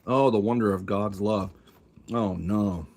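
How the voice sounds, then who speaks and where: A man's voice: lowish voice, a little slow, vocal fry, darkish tone. A man talking around a cough drop, musing aloud in casual offhand commentary as he shows his collection. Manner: muttering, musing aloud with many asides. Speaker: collector showing his tapes. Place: room at home with a fan running. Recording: faint fan noise behind.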